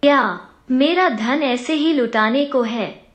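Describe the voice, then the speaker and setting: A woman's voice: sits high, slow pace. A woman voicing a miserly, hot-tempered rich merchant who scolds his wife. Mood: furious. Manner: scolding, furious.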